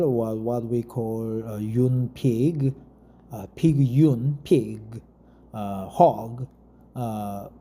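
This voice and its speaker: Reading an article aloud and chatting casually, this middle-aged Korean man speaks non-native English with a Korean accent, stumbling through many fillers and restarts. His medium-pitched voice has a dark tone, and there is a little hiss or hum.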